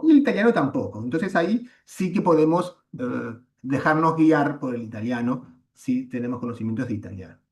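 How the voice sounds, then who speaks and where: A man teaching a Latin class over a video call, explaining patiently with frequent "eh" and "em" pauses. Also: mid-range voice. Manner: patient, corrects students, fills pauses with "eh" and "em".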